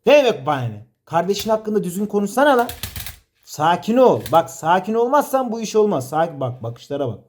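Exasperated man directing, lively pitch. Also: a little fast, slight background noise. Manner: teasing, exasperated, laughs often. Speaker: director of a comedy sketch. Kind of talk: playful directing banter.

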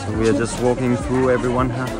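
A travel vlogger in his thirties walks through a busy outdoor market, chatting upbeat to camera and greeting people he passes. He holds an action camera at arm's length. His mid-range voice has little pitch movement and he talks fast, with a music bed running under it.

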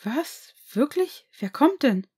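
A woman reading aloud as an excitable teenage boy, asking eager, lively questions. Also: a little high, brisk, husky, voice pushed up. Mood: excited.

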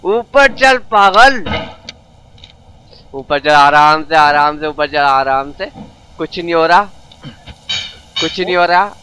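Man, high voice, bright tone, excited gaming commentary, coaxing and shouting at his character, dry throat. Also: slow pace, pauses often, slight background noise, rough recording. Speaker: gaming video host. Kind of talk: excited let's-play commentary.

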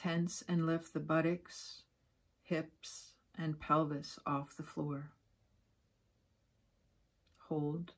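A woman with a low voice guides listeners through yoga nidra, speaking softly, breathily and soothingly. Her gentle instructions come with long pauses, as suits a guided relaxation meditation.

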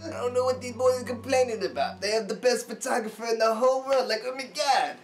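A woman's voice: fairly high pitch, fast, lightly acted. A woman playing a cranky, ditzy portrait photographer who whines and keeps exclaiming in exasperation, in a comedy sketch. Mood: exasperated. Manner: whiny, keeps exclaiming "oh my God". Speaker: sketch actor. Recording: roomy, distant mic, music behind.

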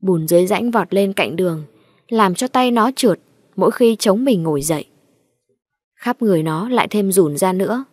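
A woman narrating a ghost story with a slow, measured, dramatic reading. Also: medium pitch, lively intonation, darkish tone, breathy edge, dry recording.

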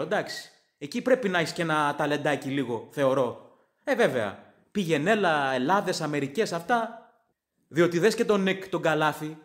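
A man with a notably high voice hosts a football podcast in casual chat, reading listener comments and tossing in sarcastic, opinionated asides. His first language is English. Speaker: podcast host.

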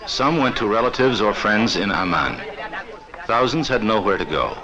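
A man narrating an old 1960s newsreel in a measured, formal voice. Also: on the low side, lively intonation, muffled recording, a crowd in the background. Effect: old newsreel film soundtrack. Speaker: documentary narrator. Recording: noisy old film soundtrack.

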